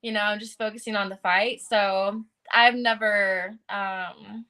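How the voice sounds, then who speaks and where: A woman's voice: mid-range voice, fairly even intonation, measured pace, bright, forceful tone. A young adult woman fighter answering interview questions in an earnest, casual way, with frequent fillers.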